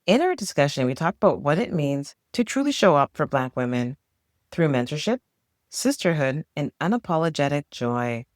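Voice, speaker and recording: A woman podcast host reads her scripted introduction in an upbeat way, moving through lists with a steady rhythm. Her pitch moves up and down a great deal, and the sound is dry and close with no room echo. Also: normal speed.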